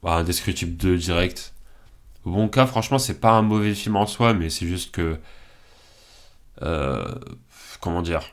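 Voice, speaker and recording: Low-voiced man musing, full of fillers. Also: measured pace, pauses often. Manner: hesitant, thinking aloud with many fillers; relaxed and candid. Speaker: channel host. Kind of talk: casual commentary while picking films.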